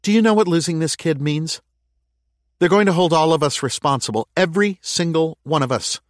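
A woman's voice: deep voice, a little fast, no echo, pitched above the performer's own voice, close to an everyday voice. A man voicing a harried, stubborn woman mayor who speaks in insistent, clipped bursts, in a dry recording. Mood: exasperated.

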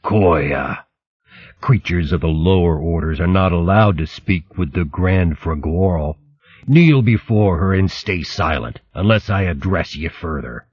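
Guy doing a sneering evil rat guard, husky, kinda distant. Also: low-pitched, animated, a little slow, no room sound, dull audio, heavily acted. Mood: contemptuous. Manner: haughty, contemptuous. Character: big evil armored male rat, contemptuous.

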